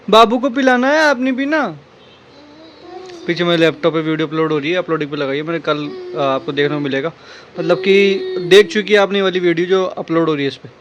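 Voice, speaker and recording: राजस्थानी लहजे में बोलने वाला एक आदमी, जो फ़ोन कैमरे पर घर और सैर के दौरान अपने बच्चों के बारे में मज़ेदार, बातूनी अंदाज़ में व्लॉग कर रहा है।. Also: male voice, high voice, lo-fi sound, noisy background. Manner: chatty, playful, talks to kids and viewers. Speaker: family vlogger and father. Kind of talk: casual vlog narration. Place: home, indoors; later outdoors on a walk.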